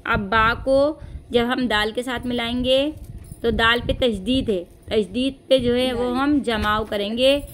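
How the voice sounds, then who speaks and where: A woman teaching recitation as a patient, corrective teacher, chanting slow phrases and then explaining each one. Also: on the high side, fairly even intonation, slight background noise. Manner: patient, corrective, says "theek hai" often.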